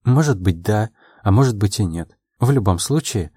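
A man voicing a proud, quick-tempered young woman in an audiobook, her lines pitched a little above his own and delivered in quick, emotional replies. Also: expressive, dark tone, husky, dry recording, clean studio sound. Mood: anxious, hopeful.

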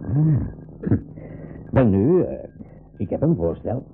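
This radio drama actor uses a full character voice at medium pitch, slow and creaky with big pitch swings, to play an older, stubborn professor and uncle in a 1980s school radio play. He bargains firmly, emphatic yet given to hesitant repetitions, on a narrow, phone-like old radio recording with a little hiss or hum.

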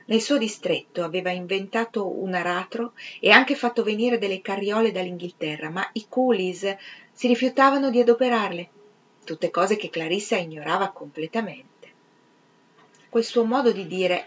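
A woman's voice: medium pitch, slight background noise. Woman reading a novel aloud. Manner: measured, expressive, dropping to a whisper at times. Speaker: reader. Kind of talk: literary audiobook reading. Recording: slightly dull, lo-fi recording.

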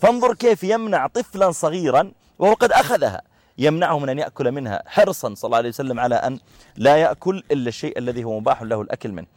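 A man teaching a conversational religious lesson, explaining through everyday examples with frequent filler pauses. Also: mid-range voice, lively intonation, a little mellow, dry recording.

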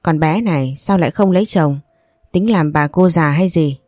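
Một phụ nữ đọc vai người cha giàu có nuông chiều con. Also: female voice, deep voice, normal speed, a little mellow, no room sound, studio quality, close to an everyday voice. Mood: indulgent. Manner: indulgent, fond. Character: older man, wealthy ruthless boss, doting father.

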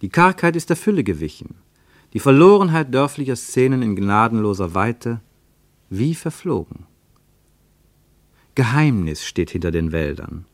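A man narrates a radio travel play in a measured, lyrical, sing-song manner, his pitch and loudness swinging dramatically. The recording is dry.

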